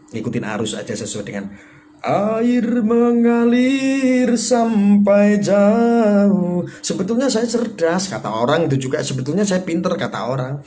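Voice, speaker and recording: A man talks through a loose live stream in a mid-range voice. He teases his viewers with sarcastic, mock-proud asides, and his pitch and loudness swing up and down. A faint hiss of noise sits under his voice. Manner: sarcastic and mock-boastful, with sudden jumps in pitch and volume. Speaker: live-stream host reading viewer comments. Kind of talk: rambling casual live-stream monologue.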